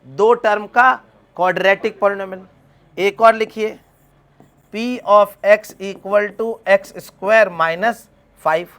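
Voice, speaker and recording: A man's voice: sits high, fairly even intonation, slow, a bit bright, clear, resonant tone. A man teaching a math class, asking his students questions and then answering them himself. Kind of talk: classroom lecture.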